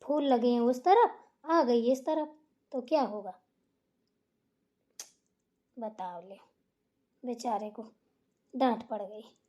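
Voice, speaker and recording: A woman voicing an aging village mother who is bossy and short-tempered, yelling shrilly and muttering to herself. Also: high voice, lively intonation, a little slow, dull audio. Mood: rueful. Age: older. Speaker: cartoon character voice. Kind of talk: cartoon voice acting.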